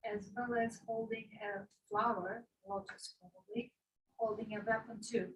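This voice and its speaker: A woman's voice: fairly high pitch, fairly even intonation, normal speed, a little hiss or hum. A woman in a meditation class asking the teacher a question, hesitating and searching for words. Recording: distant from the mic.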